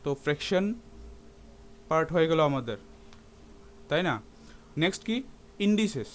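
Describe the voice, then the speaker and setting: A man's voice: a little high, animated, normal speed, a little hiss or hum. A man teaching a math lesson in a classroom-lecture style, often asking his students rhetorical questions and slipping English terms into his speech.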